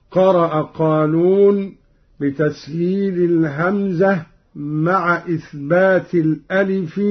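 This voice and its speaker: A man's voice: fairly high pitch, highs cut off. A man giving an explanatory lesson on Quran reading variants, reciting short examples to show each reading.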